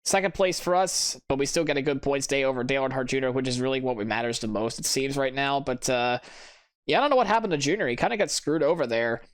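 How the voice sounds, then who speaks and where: With a clear, resonant mid-range voice, a tired man speaks quickly and hardly pauses while giving casual let's-play commentary. He rambles, restarts often, and is hard on himself, all over loud racing-game engine noise.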